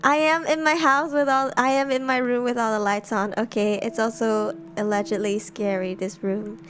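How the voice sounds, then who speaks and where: A woman with a high, light voice chats casually as she streams from her bedroom. She talks in a jumpy, giggly way, and faint music plays softly behind her. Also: steady tone, moderate pace. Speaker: streamer reading horror stories. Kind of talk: casual livestream chat.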